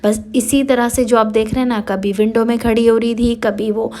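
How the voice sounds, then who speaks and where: A woman's voice: fairly high pitch, level tone, moderate pace, dark tone. Chatty woman narrating her travel vlog. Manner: chatty, with many fillers and Hindi-English mixing. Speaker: vlogger mother.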